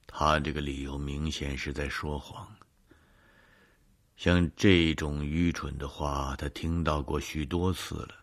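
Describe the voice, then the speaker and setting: A man narrating a mystery story in a steady, even storyteller delivery. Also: rumbling low.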